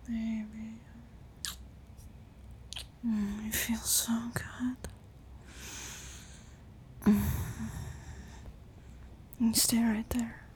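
A woman speaks in a sultry whispered role-play as a tender lover. Her breathy murmur is very slow and soft-edged, intimate and close to the mic. There is noticeable background noise. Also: a little high, level tone. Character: sultry, affectionate female lover.

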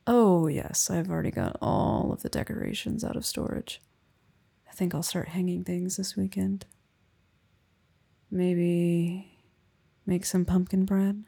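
A woman playing an affectionate young wife and mother, speaking softly and intimately, often in a whisper, in an ASMR roleplay close to the mic. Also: medium pitch, heavily acted. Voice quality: breathy. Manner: soft, intimate, often whispered, with small laughs. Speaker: roleplay performer. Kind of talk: soft-spoken ASMR roleplay.

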